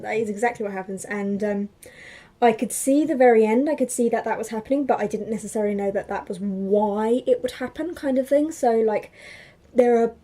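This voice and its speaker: A young woman chats her way through a book review. Her voice is mellow and warm, and she rambles with plenty of fillers and false starts. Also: medium pitch. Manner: chatty, rambling with many fillers and restarts. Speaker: book vlogger.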